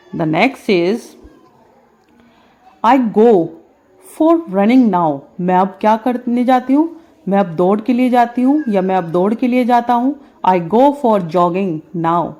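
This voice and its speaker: A woman with an Indian accent teaching spoken English, explaining in Hindi and saying each model sentence slowly and deliberately. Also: mid-range voice, dark tone, muffled recording. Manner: slow, drawn-out model sentences between quicker Hindi explanations.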